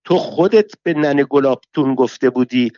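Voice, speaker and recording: A man voicing a foul-mouthed, quarrelsome old pilgrim woman who shouts abuse in a theatrical way. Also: a little high, dry recording, pitched above the performer's own voice, lightly acted. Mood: scolding. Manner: shouting insults, abusive, theatrical. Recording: dull lo-fi dry recording.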